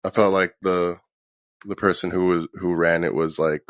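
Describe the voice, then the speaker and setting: A man's voice: deep voice, little pitch movement, normal speed, dry recording, clean studio sound. A hungover man chatting casually as an interview guest, laid-back and slangy, swearing freely. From Philadelphia. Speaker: interview guest, band musician. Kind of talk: casual chat.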